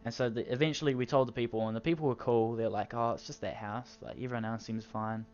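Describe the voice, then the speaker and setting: A man's voice: mid-range voice, fairly even intonation, quick pace, clear, resonant tone. A teenage man casually telling a crude, rambling story, swearing constantly. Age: teens. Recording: dull lo-fi recording with faint music.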